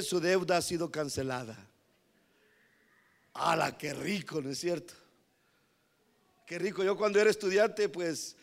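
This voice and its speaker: A man preaching a sermon, moving between hushed passages and emphatic repetition, often addressing his listeners as brothers. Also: high voice. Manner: animated, swings from hushed to emphatic, repeats "hermanos".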